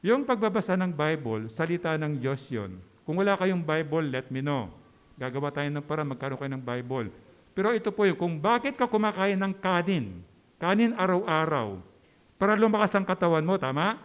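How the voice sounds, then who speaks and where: A man's voice: on the high side, lively intonation, moderate pace. A man preaching as a pastor in a church, conversational and joking, often checking in with the congregation. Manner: conversational, keeps asking the congregation "di ba?"; joking with the audience. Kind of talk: sermon. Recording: long church hall reverb.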